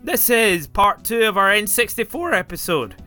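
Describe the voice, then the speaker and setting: A man from Scotland with a Glasgow accent hosts a casual podcast, joking, swearing and stumbling over his own intro. His voice is high, pushed and bright, very animated, and he speaks at a normal speed.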